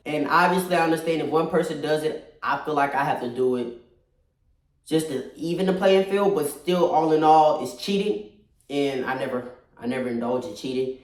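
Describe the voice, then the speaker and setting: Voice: medium pitch, moderate pace. A person giving casual, opinionated fight analysis, stressing and repeating points, recorded in a very echoey space away from the mic. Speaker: combat sports commentator. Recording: very echoey room, distant mic.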